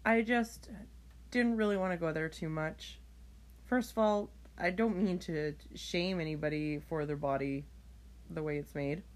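A woman hosts a late-night solo podcast, tired and yawning as she rambles in a chatty, self-deprecating way. Her voice is low-pitched and her pace measured. It's a home recording, with a phone held up to capture the clip.

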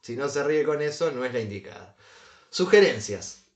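A man's voice: mid-range voice, expressive, normal speed, echoey room. A man co-hosting a casual comedic podcast, reading advice aloud with dry asides and chuckles. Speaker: podcast co-host.

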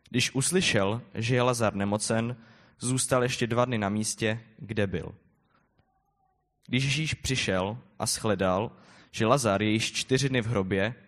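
A man reading a long scripture passage aloud in a measured, plain way. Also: medium pitch. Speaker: scripture reader. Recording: long hall reverb.

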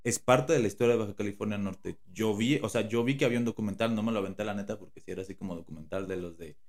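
A man's voice: on the low side, racing, darkish tone. A man with a Mexican Spanish accent co-hosting a podcast in casual chat, slangy and rambling, with many fillers and restarts. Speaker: podcast co-host.

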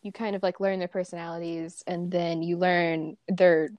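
A young woman co-hosting a book podcast, chatting casually with hesitant fillers and quick interjections. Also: on the low side, level tone, darkish tone, no room sound. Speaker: podcast co-host.

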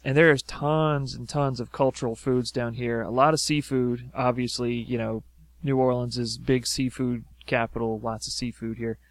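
This man, a South Louisiana native hosting a podcast, tells loose, meandering stories stuffed with fillers in a casual chat. He speaks at a moderate pace with a steady, medium-pitched tone, recorded without echo.

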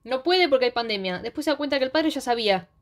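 A young woman with a Rioplatense Spanish accent, recapping a series in casual chat with quick, slangy storytelling. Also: high voice, expressive. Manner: fast slangy storytelling, acts out characters' lines.

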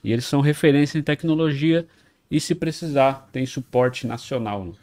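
A man's voice: mid-range voice, normal speed, darkish tone. Conversational man reading sponsor ads. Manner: conversational, adds tag questions. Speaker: podcast co-host reading sponsor spots. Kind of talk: sponsor read in casual chat.

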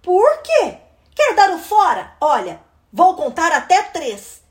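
A woman's voice: very high voice, big pitch swings, unhurried, voice pushed up, full character voice. A woman doing a snappy bossy teenage sister. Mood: annoyed. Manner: snappy, dismissive.

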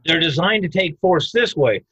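A man explaining self-defense techniques in a podcast interview, animated and emphatic, breaking into loud mock outbursts. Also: on the high side, moderate pace, husky, dry recording, dull audio.

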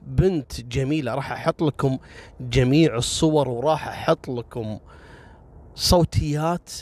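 A man's voice: mid-range voice, normal speed, darkish tone. Chatty male storyteller. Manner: chatty, addresses listeners directly with moral asides. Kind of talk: casual storytelling narration to listeners.

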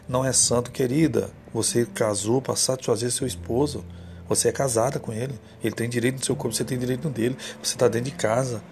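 A man's voice: mid-range voice, creaky, darkish tone. A man preaching a sermon, telling a story and then exhorting women directly.

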